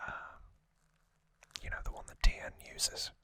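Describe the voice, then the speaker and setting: In an ASMR recording, a man goes back over a story using only a breathy, voiceless whisper. His pacing is soft and stop-start.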